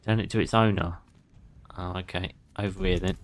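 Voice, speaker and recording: A man streaming a game and chatting away in a somewhat low voice. He swears freely and laughs often as he talks with his viewers. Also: fairly even intonation, normal speed, a little hiss or hum. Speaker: gaming streamer. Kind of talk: casual gameplay commentary.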